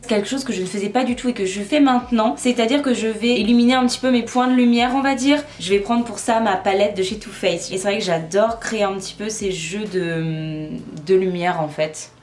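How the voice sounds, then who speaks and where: A young woman with a mid-range, slightly mellow voice chats casually through a makeup tutorial, talking a little fast with few pauses and poking fun at herself as she works. She's a beauty vlogger, recorded in an echoey room with faint music in the background.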